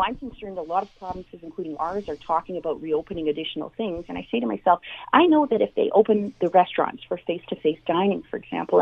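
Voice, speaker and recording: A Canadian woman, appearing as an expert guest by phone on a radio program, explains ideas earnestly and conversationally through everyday examples. Her mid-range voice is husky with vocal fry, carried over a thin phone-like line with no room sound.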